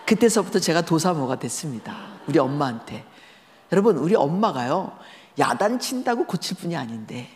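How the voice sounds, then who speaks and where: A woman giving a storytelling sermon at a church seminar, talking conversationally and asking the listeners questions. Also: on the low side. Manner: lively, conversational, asks the audience questions. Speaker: guest lecturer at a church seminar. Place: large church sanctuary. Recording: echoey church hall.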